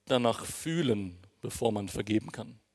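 A man's voice: on the low side, expressive, moderate pace, a little mellow. A man preaching a sermon, earnest and emphatic, speaking directly to his congregation. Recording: long reverb of a hall.

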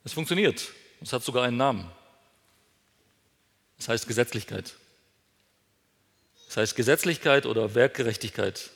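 A man's voice: medium pitch, lively intonation, moderate pace, gravelly, long pauses, a bit bright, husky. A man preaching a sermon, asking questions and answering them himself, pushing key words up with emphasis. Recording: long hall reverb.

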